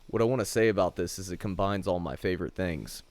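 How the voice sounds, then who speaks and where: A man's voice: low voice, fast. A man hosting a casual sports podcast, talking enthusiastically with frequent swearing. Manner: profane, enthusiastic sports talk. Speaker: podcast host. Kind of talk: casual chat.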